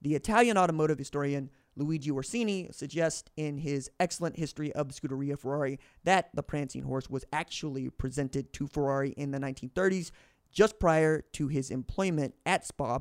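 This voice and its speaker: With a fairly high voice, an English-speaking podcast host reads from a book and mixes in his own remarks, often stumbling and correcting himself mid-sentence. The audio is dry and close-miked, free of room sound.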